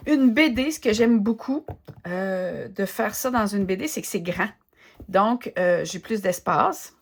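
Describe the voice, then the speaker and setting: A woman with a Québécois French accent chatting casually as she works in her art journal, thinking aloud with many pauses and fillers. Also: medium pitch, animated, creaky, husky. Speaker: craft vlogger. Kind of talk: casual chat while crafting.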